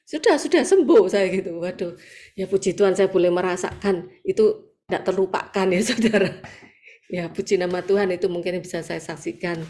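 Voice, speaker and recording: A woman's voice: lowish voice, little pitch movement, normal speed, warm tone. A woman with a Javanese accent giving a personal testimony over a video call at a prayer meeting, telling her story vividly with acted quotes and exclamations. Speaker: church member giving testimony.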